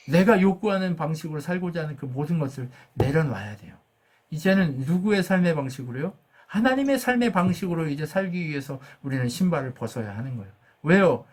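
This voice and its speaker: Man preaching a sermon, fairly high voice, questions to the congregation, rising emphasis. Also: a little mellow. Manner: asks the congregation questions and answers them himself; acts out God's words with rising pitch and force. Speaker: pastor.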